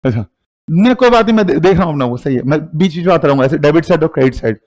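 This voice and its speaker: Man, Indian accent, high voice, classroom lecture, playful call-and-response questioning. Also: animated, rapid-fire, darkish tone. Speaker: accounting teacher.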